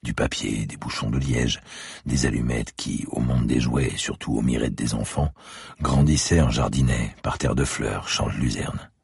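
Very deep, gravelly male narrator. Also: a little mellow, no echo, clean studio sound. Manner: measured, intimate first-person telling. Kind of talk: literary audiobook narration.

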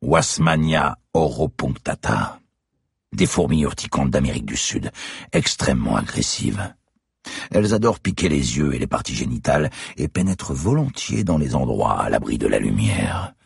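A man voicing a young masked killer who talks in a slow, taunting, mocking way. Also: very deep voice, sing-song, gravelly, husky, no echo, clean studio sound, exaggerated voice. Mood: menacing. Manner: sneering, taunting, slow and deliberate.

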